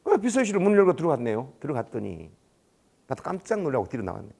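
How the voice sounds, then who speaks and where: Animated middle-aged man telling stories. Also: medium pitch, quick pace, creaky, slightly rough. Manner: colloquial, anecdotal, acts out quoted dialogue. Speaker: lecturer at a staff training. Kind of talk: storytelling lecture. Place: large conference room.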